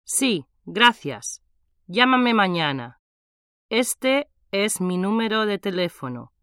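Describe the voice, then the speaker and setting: A woman's voice: mid-range voice, very animated, takes it slowly, a bit bright, clean tone, no echo, studio quality. A woman playing a cheerful nineteen-year-old in a scripted language-exam dialogue, carefully enunciating. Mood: casual.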